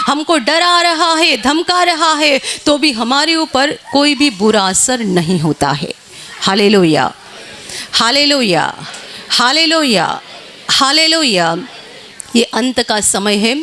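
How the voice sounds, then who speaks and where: A woman's voice: sits high, a bit bright. A woman preaching a sermon, urging prayer and often repeating hallelujah. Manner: repeats hallelujah, urgent exhortation.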